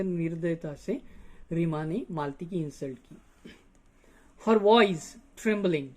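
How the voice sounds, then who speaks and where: A man's voice: high-pitched, darkish tone. A male teacher, reading a story's lines aloud and explaining the words in Hindi. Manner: reads English lines slowly, then explains them in Hindi. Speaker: English teacher. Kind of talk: bilingual lesson explaining a story.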